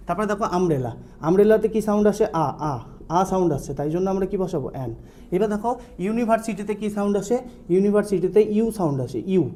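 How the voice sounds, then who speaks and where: A man's voice: high voice, dark tone. A man teaching an online grammar lesson in a Bengali accent. He often repeats key sounds and puts questions to the students before answering them himself.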